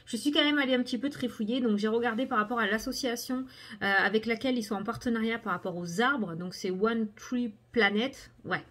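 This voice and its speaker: A woman's voice: fairly high pitch, quick pace, a bit bright. A middle-aged woman hosting a casual review video, chatting with lots of fillers while showing items to the camera. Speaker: cartomancy video host. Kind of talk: casual product review chat.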